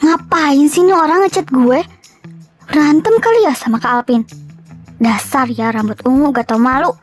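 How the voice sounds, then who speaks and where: A woman's voice: sits high, moderate pace, faint music behind, lightly acted. A woman voicing a sneering, petty young woman. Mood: scornful. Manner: sneering, muttering to herself.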